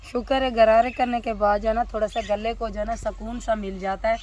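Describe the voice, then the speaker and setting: A woman's voice: on the high side, fairly even intonation, brisk, a little mellow, a little hiss or hum. A woman with a sore throat, chatting casually as she narrates her morning chores, often saying "jo hai na.". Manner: chatty, explaining each step, often says "jo hai na". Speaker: village family vlogger. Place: outdoor village courtyard in fog and wind.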